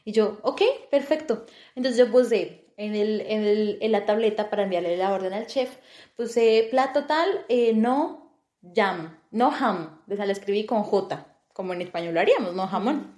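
A woman co-hosting a podcast, telling anecdotes in an animated way, laughing and acting out sounds. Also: medium pitch, moderate pace, roomy sound. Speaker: podcast co-host. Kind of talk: casual chat.

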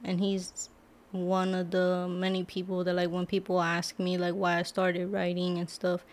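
Casting note: young woman guest, lowish voice, loose chatty delivery full of fillers, studio interview. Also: monotone, moderate pace. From Brooklyn, New York. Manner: casual, many "like" fillers. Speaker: guest, author and medical assistant. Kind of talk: casual interview. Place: podcast studio.

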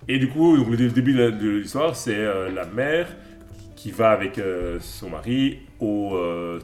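A man's voice: on the low side, expressive, measured pace, a little mellow, roomy sound, soft background music. A man co-hosting a casual chat, recommending songs and films with enthusiasm, rambling through lots of fillers and restarts. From Belgium. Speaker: podcast co-host.

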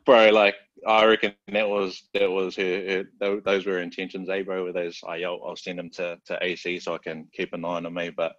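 A relaxed New Zealand man with a very low voice, talking easily as a podcast guest. He is loose and slangy and keeps saying "bro". The recording sounds dry and a bit dull. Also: moderate pace, hardly any pauses, no room sound. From South Auckland, New Zealand. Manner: laid-back, slangy, peppers every phrase with "bro". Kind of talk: casual chat.

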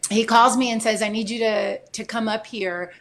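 Animated woman with a high voice. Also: moderate pace, a little hiss or hum. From Florida. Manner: animated, emotional storyteller with many fillers. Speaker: guest, military spouse. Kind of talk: personal storytelling in an interview.

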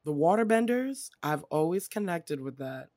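A woman's voice: low-pitched, expressive, normal speed, a little mellow, dry recording, clean studio sound. A young adult woman co-hosting a podcast, ranting casually about movies, swearing freely and acting out quotes. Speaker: podcast co-host.

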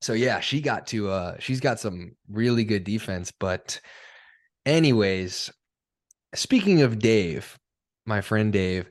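A man's voice: on the low side, animated, takes it slowly. A young man hosting a casual podcast chat, laid-back and chatty, laughing often. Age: young adult. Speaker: podcast host.

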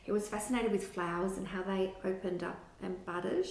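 A woman's voice: medium pitch, steady tone, moderate pace, a little mellow, echoey room, a little hiss or hum. A woman co-hosting a podcast in casual chat, reviewing a children's book from her notes. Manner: chatty, reads from notes, reviews children's books. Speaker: podcast co-host.

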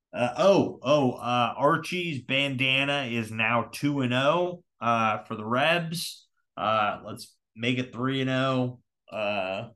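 A man's voice: medium pitch, pushed and bright. A man hosting a solo podcast in casual chat, talking in a rambling, profane, frank way. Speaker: fantasy football podcast host.

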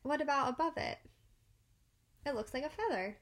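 A woman's voice: high-pitched, lively intonation, normal speed, fairly bright tone. A young woman co-hosting a casual chat at home, playful and full of questions, laughing easily. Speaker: co-host. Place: at home, indoors.

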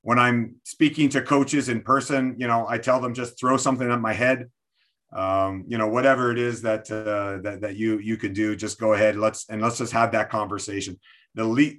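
Halting low-voiced man leading a workshop. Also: fairly bright tone. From Quebec City, Canada. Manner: hesitant, many fillers and restarts. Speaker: coaching workshop presenter. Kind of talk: online workshop talk. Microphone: video call.

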